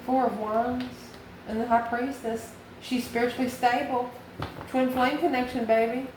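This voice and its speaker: A channel host with a voice on the high side, fairly even intonation and moderate pace gives viewers a tarot reading. Her manner is homey, with honey and baby and emphatic repetition, and the echoey room has clear background noise.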